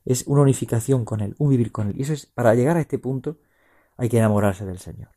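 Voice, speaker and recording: A man from preaching a spiritual talk, in slow, repeating phrases that rise suddenly in emphasis. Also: mellow. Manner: slow, repetitive, meditative phrasing with sudden rises in pitch and force. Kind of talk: spiritual talk on Ignatian meditation.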